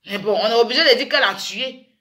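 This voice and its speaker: Bright-voiced woman teasing. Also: fairly high pitch, fast talker. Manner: teasing, animated, with sudden loud exclamations. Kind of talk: chatty commentary vlog. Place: in France.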